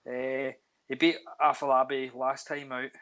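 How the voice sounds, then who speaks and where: A man's voice: mid-range voice, flat delivery, a little slow, a bit bright. A Scottish man with a Glasgow street accent, bantering casually and bluntly about sport with plenty of swearing and slang. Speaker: podcast panellist. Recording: dull, lo-fi voice line.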